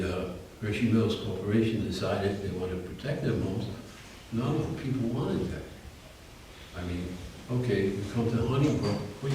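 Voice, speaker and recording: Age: 70s. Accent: New England. Sex: man. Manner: rambling folksy resident, low voice. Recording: very echoey room, distant mic, faint noise. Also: darkish tone. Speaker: resident giving public comment. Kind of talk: public comment at a hearing. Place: township meeting room.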